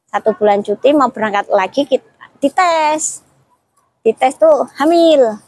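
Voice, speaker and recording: A woman's voice: sits high, animated, slow, darkish tone, a little hiss or hum, low-quality recording. A woman, talking casually as an interview guest and retelling her story with quoted dialogue and many restarts. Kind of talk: casual chat.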